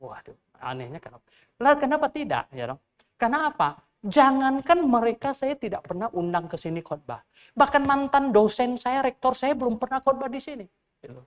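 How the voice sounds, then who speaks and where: Lively older man preaching a sermon. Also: very high voice, a little fast. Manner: conversational, animated storytelling with rhetorical questions. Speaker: pastor. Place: church during a Sunday service.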